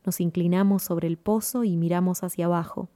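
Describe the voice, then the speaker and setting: A woman narrating a story in a measured, even reading. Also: on the low side, no room sound.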